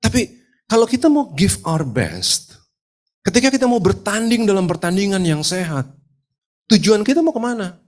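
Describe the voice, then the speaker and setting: A man's voice: sits high, sing-song, moderate pace, pauses often, a little mellow. A man preaching a sermon at a live church service, his voice nasal from a cold, with an emphatic delivery. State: stuffy nose from a cold. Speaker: pastor.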